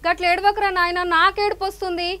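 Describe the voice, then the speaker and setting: Give me a woman comedy news anchor with a Telangana accent, fussing and consoling at a high pitch. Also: little pitch movement, fast talker, background noise. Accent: Telangana Telugu. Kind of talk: comic news sketch banter. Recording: loud music playing behind.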